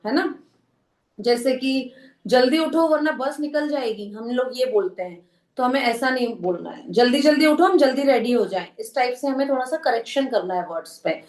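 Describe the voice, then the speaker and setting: A woman's voice: fairly high pitch, darkish tone, roomy sound. A woman leading a self-help course session, explaining patiently, often checking in with her listeners and mixing English words into Hindi. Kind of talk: live teaching session.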